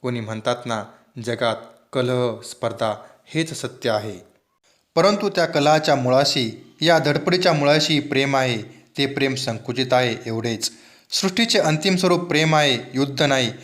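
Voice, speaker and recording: An expressive male reader narrating a book aloud at a mid-range pitch. He lifts his voice for tense moments and drops it low and soft for dark scenes. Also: normal speed.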